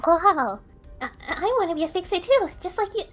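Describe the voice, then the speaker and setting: 一位女性在游戏台词朗读中扮演一个天真热切、满心崇拜的小女孩，背景有轻微音乐。. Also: female voice, very high-pitched, lively intonation, moderate pace. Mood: awestruck. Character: eager, wide-eyed little girl passenger. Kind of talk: dramatic live read of game dialogue. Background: faint music.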